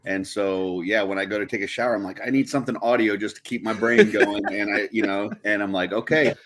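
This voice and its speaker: A man's voice: lowish voice, steady tone, fairly quick, fairly bright tone. A man co-hosting a casual podcast, joking around and laughing easily. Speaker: podcast co-host.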